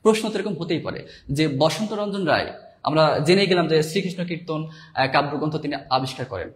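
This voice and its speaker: A male teacher giving a live exam-prep lesson, reading out viewers' comments and spelling words slowly. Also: fairly high pitch, slight background noise. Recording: echoey room.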